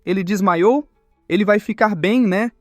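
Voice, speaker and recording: A young woman with brute strength who teases in a mock-sweet way, voiced by a man narrator. The voice is high and dry, with faint music underneath. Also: a little slow, no echo. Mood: teasing.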